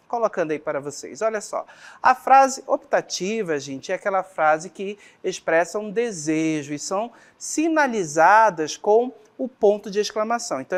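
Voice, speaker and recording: A woman teacher with a Brazilian Portuguese accent giving a grammar lesson, explaining patiently and checking in with the class often. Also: medium pitch.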